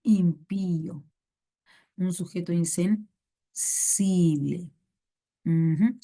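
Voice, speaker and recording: A young Peruvian woman teaches a live online class in a slow, unhurried way, drilling synonyms again and again. Her voice is low-set and warm, heard through a computer microphone. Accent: Peruvian Spanish.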